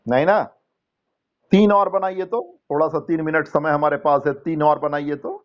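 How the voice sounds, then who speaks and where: A man's voice: a little high, fairly even intonation, normal speed, lo-fi sound. A man teaching an English grammar lesson in an online class, patiently questioning students by name and explaining step by step in Hindi mixed with English terms.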